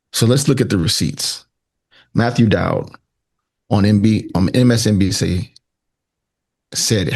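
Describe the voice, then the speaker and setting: Slow, low-voiced man giving sardonic commentary. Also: gravelly. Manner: deliberate, rhetorical phrasing with dramatic pauses. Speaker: political commentator. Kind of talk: scripted political commentary, exposé monologue.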